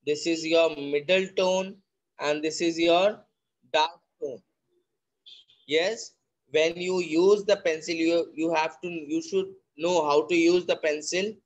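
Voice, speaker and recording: A man's voice: a little high, fairly even intonation, drawn-out words. A man with an Indian accent teaching an online drawing class, explaining step by step and repeating himself, switching between English and Hindi. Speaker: art teacher.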